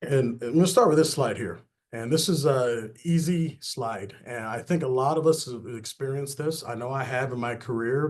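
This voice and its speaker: A man's voice: mid-range voice, darkish tone. A man giving a webinar presentation on a video call, earnest and full of fillers and restarts. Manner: earnest, filler-heavy, restarts mid-phrase. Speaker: business consultant presenting a webinar.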